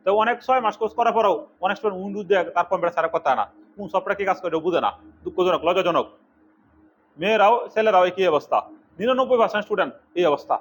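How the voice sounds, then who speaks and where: A middle-aged man from Bangladesh, an instructor giving a fast classroom lecture, scolding and urging his students. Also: sits high, lively intonation. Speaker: computer course instructor.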